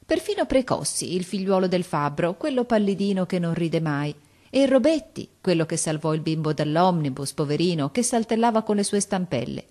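A woman narrating a classic children's novel in an expressive reading voice that lifts on names and exclamations. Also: fairly low pitch, normal speed. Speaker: audiobook reader.

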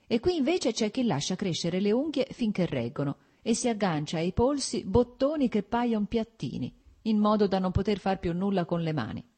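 A woman's voice: medium pitch, very animated, moderate pace, few pauses, dark tone, husky, pitched above the performer's own voice. A woman voicing an earnest, intense young male landowner in an audiobook reading, speaking insistently.

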